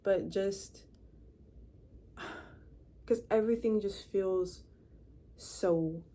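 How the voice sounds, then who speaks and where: Very slow and warm, at a medium pitch, a 23-year-old woman vlogs from her own room. She rambles to camera in a chatty way, with many fillers and fresh starts.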